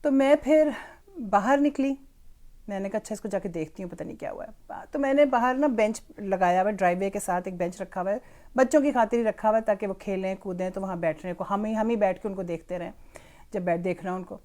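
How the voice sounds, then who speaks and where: A woman's voice: mid-range voice, dark tone. An older woman, a grandmother, chattily telling a family story as a parenting lesson and slipping English phrases into her talk. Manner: chatty, switches freely between Urdu and English. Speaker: grandmother sharing parenting advice. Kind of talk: casual storytelling monologue.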